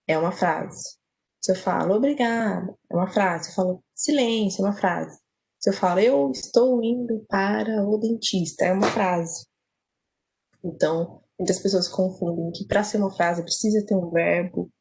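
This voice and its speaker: Young female tutor, husky voice, patient step-by-step explainer with many fillers, online class. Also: mid-range voice, a little mellow, rough recording. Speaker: grammar and writing tutor. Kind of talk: online grammar lesson.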